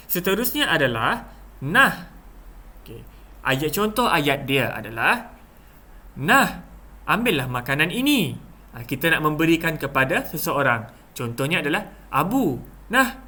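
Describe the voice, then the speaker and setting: A young man with a Malaysian Malay accent explains a classroom lesson, acting out examples with exaggerated intonation and lots of fillers. His voice is on the high side, pushed and bright.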